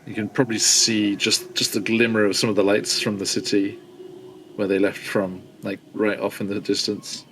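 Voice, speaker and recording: A man's voice: lowish voice, level tone, moderate pace, fairly bright tone, a little hiss or hum. A man chatting informally as a tabletop player, thinking aloud as he describes his character's actions. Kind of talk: casual game chat, describing character's actions.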